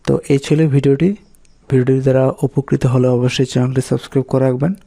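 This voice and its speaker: A Bengali-speaking man teaching English pronunciation rules, calmly working through examples one at a time. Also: mid-range voice, fast talker, creaky. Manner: steady, methodical, lists examples one by one.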